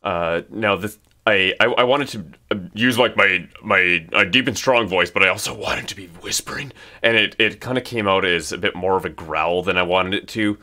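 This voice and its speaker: A man's voice: sits low, moderate pace, pushed and bright. A man giving casual commentary on his own music project, rambling with many restarts and hesitations. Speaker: music creator.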